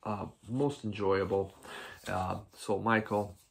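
A man's voice: deep voice, steady tone, slow, gravelly, breathy edge. A man hosting a record collecting video, chatting casually and rambling with lots of fillers as he reviews albums. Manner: rambling, filler-heavy, enthusiastic about records. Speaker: record collector vlog host.

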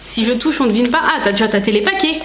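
Her voice is on the high side, animated and fast, with a fairly bright tone. She's a vlogger opening gifts at home, chatting casually and rambling with lots of fillers, self-corrections, laughter and playful teasing, all recorded with a roomy echo.

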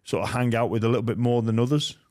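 A man in his late thirties hosting a studio podcast, asking questions in a halting way, restarting his words often. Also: medium pitch, fairly even intonation, a little mellow. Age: 30s. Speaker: podcast host. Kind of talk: casual interview chat. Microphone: studio mic on a boom with headphones.

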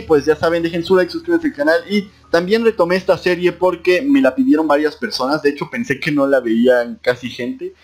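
A young man narrates his playthrough of a horror game in a playful way. His voice sits at an ordinary male pitch but jumps into high yelps when startled. Faint guitar music plays behind him. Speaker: gaming YouTuber. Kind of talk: let's play commentary, reading game text aloud.

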